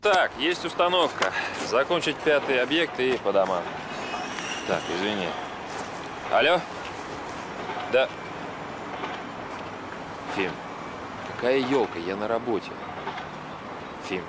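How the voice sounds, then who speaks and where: A man's voice: mid-range voice, lively intonation, slow, long pauses. An actor playing a busy, curt businessman and father in his thirties, clipped and impatient, in a film drama. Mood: hurried, curt. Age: 30s. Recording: film dialogue with clear background noise.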